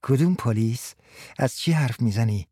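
A man's voice: medium pitch, animated, warm tone, breathy edge, no room sound, studio quality. A man voicing an awkward, nervous young man who speaks hesitantly, in a storybook reading. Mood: uneasy.

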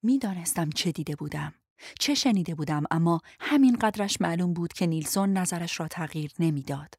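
A woman narrating a first-person audiobook in a measured, dramatic reading. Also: fairly low pitch, a little mellow, no echo, studio quality.

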